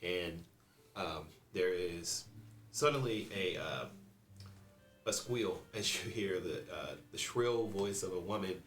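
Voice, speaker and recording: Deep-voiced man running a tabletop game. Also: slow pace, a bit bright. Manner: hesitant, full of fillers. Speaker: game master. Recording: roomy, distant mic, music behind.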